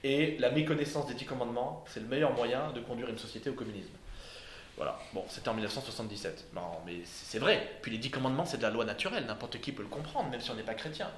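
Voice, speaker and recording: A man talks fast in a mid-range voice, giving an informal lecture to listeners in an indoor room. He is hesitant, full of fillers and restarts, and the echoey recording carries slight background noise and faint ambience.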